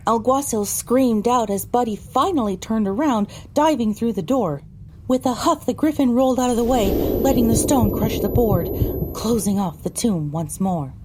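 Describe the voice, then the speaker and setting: A woman narrates a first-person story for an audio drama, reading descriptively with dramatic phrasing. Her natural voice is a little high and moves at a moderate pace over a noisy background.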